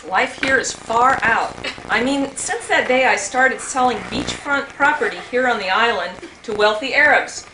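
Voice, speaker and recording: At a home party, a woman reads joke birthday messages aloud to the guests for comic effect. Her voice is fairly high and moderately paced. The amateur home video is very noisy and echoey.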